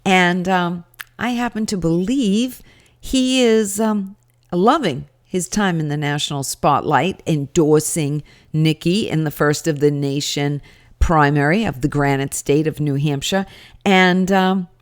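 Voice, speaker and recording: A woman with a slightly low voice delivers casual commentary as a personal recap. She is chatty and opinionated, with a wry edge to the way she talks. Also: measured pace. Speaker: rally attendee giving commentary.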